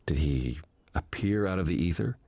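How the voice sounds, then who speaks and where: A male voice plays a weary, ancient god in a video game, wistfully guiding a newcomer with gentle patience. The voice is low and a little husky with lively intonation, and the delivery is measured, reflective and explanatory, recorded dry and close.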